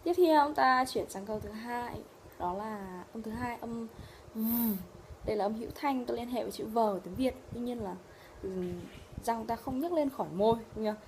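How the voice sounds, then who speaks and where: A woman with a Vietnamese accent teaching English pronunciation. She explains in Vietnamese and says each English word slowly and loudly. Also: fairly high pitch, a little hiss or hum. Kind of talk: pronunciation lesson.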